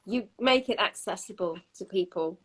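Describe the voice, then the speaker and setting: A woman's voice: mid-range voice, normal speed, husky, low-quality recording. A woman interviewer who asks long, rambling, hesitant questions.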